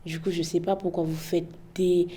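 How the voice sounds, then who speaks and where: A woman's voice: fairly low pitch, level tone, normal speed, warm tone. A young woman giving frank, impassioned interview answers, often tagging her points with "en fait". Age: young adult. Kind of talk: candid interview testimony.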